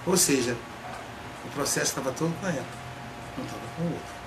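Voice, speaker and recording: A man, a psychoanalyst, giving a reflective spoken talk and drawing out key words slowly for emphasis. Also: mid-range voice. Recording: echoey room, faint background noise.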